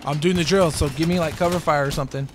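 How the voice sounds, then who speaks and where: High-pitched excitable young man gaming. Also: fast talker, faint music behind. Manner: excitable, foul-mouthed, joking. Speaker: video game player. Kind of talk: casual co-op gaming chat. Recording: gunfire and game noise behind voice. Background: video game gunfire.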